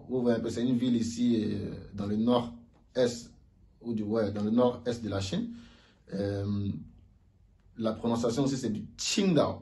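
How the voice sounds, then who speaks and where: A man teaches pronunciation in a relaxed video lesson, talking at an unhurried pace. He repeats each sound several times so learners can copy it, his voice sitting at an ordinary middle pitch. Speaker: language teacher.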